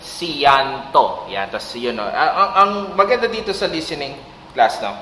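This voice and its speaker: A man's voice: mid-range voice, expressive, normal speed, sharp tone. A man teaching a casual exam-prep language lesson, sounding tired and tagging his sentences with "no?" while mixing in English. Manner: talks with a tag "no?", mixing English. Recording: echoey room with light hiss.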